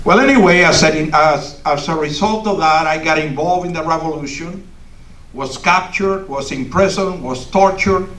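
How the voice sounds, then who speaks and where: Speaking in the meeting hall of a congregation, a guest from Cuba delivers a political address in emphatic, sermon-like fashion, piling up repetitions for effect. He is an older native Spanish speaker with a Cuban accent, and his voice is fairly high and fairly bright, at a moderate pace. The sound is distant, roomy and echoey, as if recorded from the back of the hall.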